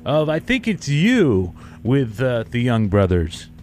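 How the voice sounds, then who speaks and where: A man hosting a casual radio interview from a studio, enthusiastic and quick to joke and exclaim. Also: medium pitch, huge pitch swings, darkish tone. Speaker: radio host.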